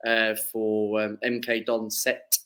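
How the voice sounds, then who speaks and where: A man's voice: on the low side, monotone, slow pace, fairly bright tone, rough recording. A man in his twenties from southeast England, a football fan chatting as a podcast guest, rambling with many fillers and restarts. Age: 20s. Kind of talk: casual chat.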